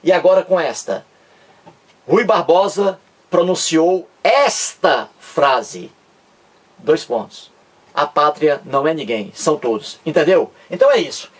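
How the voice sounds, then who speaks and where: A man teaching grammar to online viewers in a casual lesson. He keeps saying "look here" and slows way down to stress example phrases. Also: sits high, husky.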